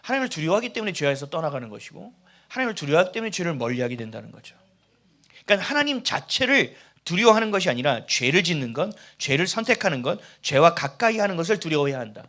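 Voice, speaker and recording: High, animated man preaching. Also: fast talker. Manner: animated, conversational storytelling. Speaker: pastor. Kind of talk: sermon.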